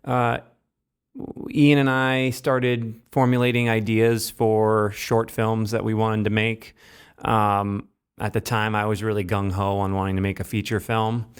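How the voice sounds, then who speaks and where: A man from Massachusetts, a filmmaker guest, answering in a measured, thoughtful way. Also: lowish voice, level tone, smooth. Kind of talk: casual interview.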